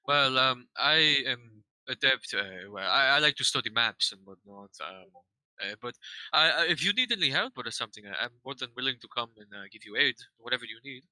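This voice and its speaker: A man's voice: medium pitch, lively intonation, a little fast, pushed and bright, no room sound, rough recording. A man playing a tabletop game, describing his character's actions and stammering with many fillers. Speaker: player.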